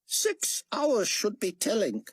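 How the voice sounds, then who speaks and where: A man's voice: high-pitched, wildly swooping pitch, takes it slowly, breathy edge, no room sound, pitched above the performer's own voice, heavily acted. A man doing a stern, solemn old prophet. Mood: warning. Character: stern older male prophet, solemn and unyielding.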